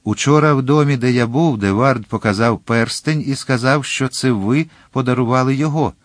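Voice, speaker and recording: A man's voice: medium pitch, fairly quick, dry recording, clean studio sound, voice pushed up, lightly acted. A man reading an audiobook and voicing an impassioned, hot-headed young swordsman who exclaims his lines. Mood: ardent.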